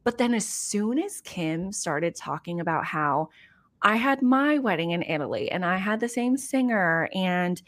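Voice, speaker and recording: A woman's voice: medium pitch, a bit bright. Woman, podcast host, casual chat, giggly, rambling with lots of fillers.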